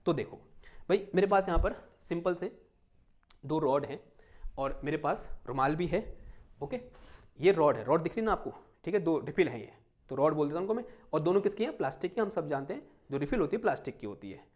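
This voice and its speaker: A man's voice: on the high side, expressive, a little mellow. A man teaching physics, running a live demonstration and asking the class questions before answering them himself. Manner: dictates headings slowly, mixing in English terms.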